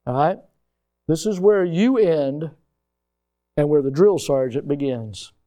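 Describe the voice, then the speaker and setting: Male preacher, high voice, emphatic delivery in a sermon. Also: slow. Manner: emphatic, rising to loud peaks.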